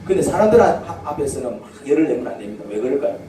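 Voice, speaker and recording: Korean pastor preaching in an echoey church. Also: male voice, mid-range voice, very animated, racing, dark tone. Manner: asks the congregation questions and draws call-and-response replies. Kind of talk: sermon. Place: church sanctuary. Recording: echoey church hall, distant mic, background noise.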